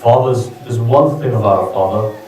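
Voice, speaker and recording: A man's voice: fairly low pitch, moderate pace, darkish tone. A man giving an emotional sermon to a gathering, pleading and repeating his lines. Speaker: preacher. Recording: echoey hall, from a distance.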